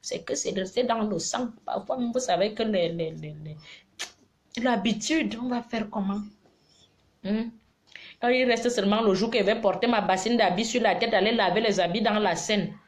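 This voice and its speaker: A middle-aged woman talks to her viewers in a casual live stream. She lectures and teases by turns, scolding one moment and affectionate the next, always animated. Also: mid-range voice, moderate pace. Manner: animated, preachy and teasing, mixing scolding with affection. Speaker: live-stream advice giver.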